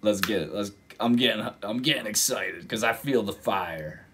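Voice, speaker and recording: A man hosting a reaction video, casually commenting and getting excited, sometimes exclaiming loudly. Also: on the low side, moderate pace, background noise. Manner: excitable, exclaims and breaks into mock voices.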